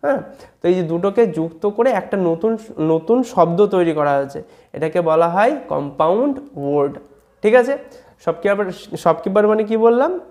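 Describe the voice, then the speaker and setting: Bengali accent teacher, reading english story line by line, slow explaining, keeps asking if it's ok. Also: mid-range voice, lively intonation, a little mellow. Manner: explains slowly word by word, often asks "ঠিক আছে?". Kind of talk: online English reading lesson.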